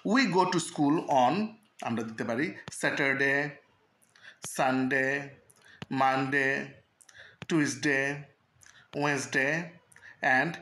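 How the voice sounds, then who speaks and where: Slow, deliberate male teacher. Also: medium pitch, bright, forceful tone, echoey room, slight background noise. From Bangladesh. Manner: slow, deliberate reading of English phrases with Bengali explanations. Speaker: English teacher. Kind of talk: recorded video lesson.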